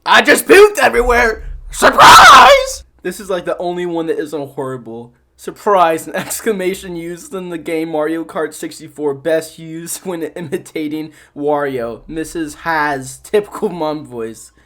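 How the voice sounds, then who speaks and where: A man's voice: on the high side, a little slow, few pauses. A young man, a video creator, reading aloud and reacting in casual commentary, laughing often, swearing and sounding exasperated.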